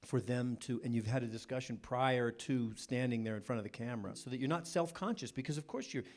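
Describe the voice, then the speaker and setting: A man's voice: medium pitch, a little fast, a little mellow. Candid man telling set stories. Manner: candid, storytelling, frank. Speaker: panelist. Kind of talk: anecdotal panel talk. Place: cinema cafe panel.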